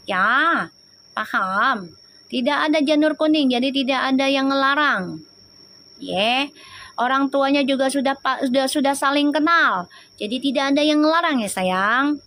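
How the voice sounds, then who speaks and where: A woman's voice: sits high, a bit bright. A woman gives a casual live tarot reading, chatty and teasing and often breaking into laughter. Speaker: tarot reader on a live stream.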